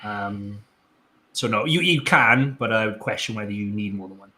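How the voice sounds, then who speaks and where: A man co-hosting a live online show, answering viewer questions in a measured, plain-spoken way. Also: on the low side, pushed and bright. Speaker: co-host. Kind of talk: casual live-stream chat.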